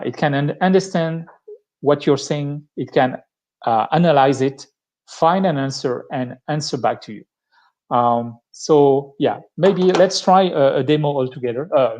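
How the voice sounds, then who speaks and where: A man with a French accent talks an online audience through a live technology demo. His voice sits in an ordinary middle register. He explains things patiently, pausing often to gather his thoughts as he goes. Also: medium pitch, darkish tone. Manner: explanatory, thinking aloud with many pauses. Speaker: tech speaker giving a live demo. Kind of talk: live-streamed tech presentation.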